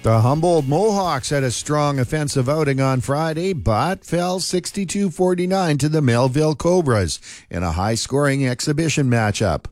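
A man reading scripted local news and sports in a steady, measured delivery. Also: fairly high pitch. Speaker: news anchor.

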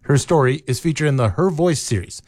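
Dry steady male news anchor. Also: a little high, no room sound. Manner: steady measured news delivery. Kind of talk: scripted local newscast. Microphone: close studio mic, dry.

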